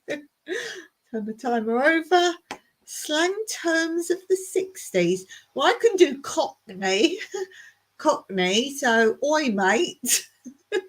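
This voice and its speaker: A woman with a fairly high voice hosts a relaxed livestream, thinking out loud at an unhurried pace. She reads viewers' chat comments aloud and chuckles often as she plays a guessing game. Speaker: livestream host. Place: home in rural Cyprus.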